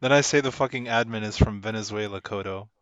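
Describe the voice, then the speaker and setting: A man's voice: on the low side, quick pace, a bit bright, smooth, highs cut off. A man in casual podcast chat, teasing and playful.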